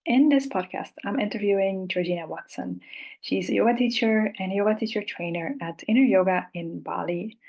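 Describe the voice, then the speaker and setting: A woman hosting a podcast and interviewing a guest, friendly and quick to agree. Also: mid-range voice, gravelly, a little mellow, dull audio. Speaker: podcast host.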